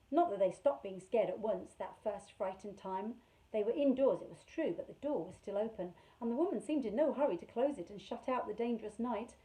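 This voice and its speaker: Mellow-voiced woman reading to children. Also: mid-range voice, poor audio. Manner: measured, expressive, slows on key words. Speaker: storyteller for children. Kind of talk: reading a children's novel aloud.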